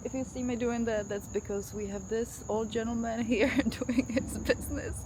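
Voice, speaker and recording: A woman's voice: on the high side, fairly even intonation, normal speed. A woman in her thirties from the Czech Republic, speaking English with a Czech accent. She gives an emphatic motivational talk straight to the camera while walking her dog outside. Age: 30s. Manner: emphatic, addresses the viewer directly. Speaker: vlogger. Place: outdoors in a neighborhood after rain, walking a dog. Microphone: self-filming camera with face tracking. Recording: outdoor noise of crickets and passing cars. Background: crickets, insects and traffic.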